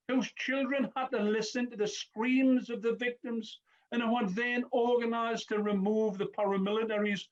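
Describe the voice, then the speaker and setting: A man's voice: very high-pitched, lo-fi sound. A man giving a formal parliamentary speech as a member of parliament, earnest, with occasional stumbles. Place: parliamentary debating chamber.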